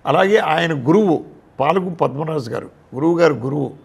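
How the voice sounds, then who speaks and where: An older Telugu-accented man recalling his film career in an interview, with a gravelly, creaky voice that sits a little high. He tells stories and plays out the old exchanges. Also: normal speed. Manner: storytelling, acts out past conversations. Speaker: film director, interview guest. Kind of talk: reminiscing interview talk.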